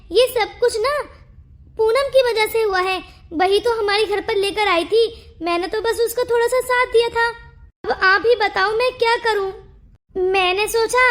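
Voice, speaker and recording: A woman's voice: extremely high pitch, fairly even intonation, moderate pace, a bit bright. A woman voicing a kind young man who pleads with his mother in a cartoon story. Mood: pleading. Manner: pleading, explaining. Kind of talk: cartoon voice acting.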